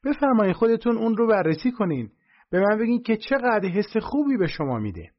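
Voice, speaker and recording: A man voicing a smug young male salesman with a high squeaky voice, giving an overeager hard-sell pitch in an audiobook. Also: big pitch swings, dull audio. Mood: eager, pushy.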